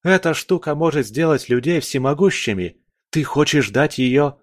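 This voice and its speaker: A touchy male agent from a fantasy audiobook, protesting hotly and grumbling at every idea, voiced by the male narrator. The reader lifts his pitch well above his own for this figure, in a close, dry sound. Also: expressive, normal speed, dry recording, natural voice. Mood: heated, objecting. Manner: heated, grumbling.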